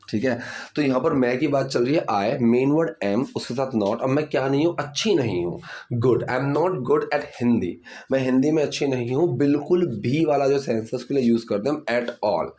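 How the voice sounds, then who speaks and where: A male English teacher walks through grammar in a lesson. His voice is mellow and warm and sits at an ordinary pitch. He pauses often to check in with the learner and draws out each example sentence slowly. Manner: keeps checking in with "theek hai".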